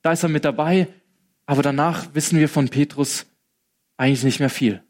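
A man preaching a sermon, retelling scenes in a lively, colloquial way and acting out the quotes. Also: on the high side, moderate pace.

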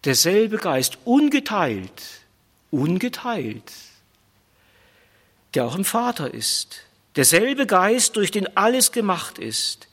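A man preaching a sermon with emphatic repetition, slowing down on key words. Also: high voice, lively intonation, a bit bright. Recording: long reverb of a large hall.

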